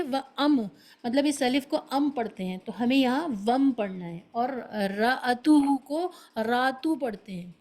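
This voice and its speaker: A woman's voice: sits high, a little mellow, rough recording. A woman teaching a beginners' tajweed class, patiently explaining letter sounds and mixing in English terms. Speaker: Quran recitation teacher.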